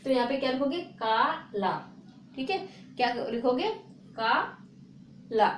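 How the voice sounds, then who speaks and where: A woman teaching a spelling lesson, repeating words slowly and asking her viewers rhetorical questions. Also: high voice. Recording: echoey room with faint noise.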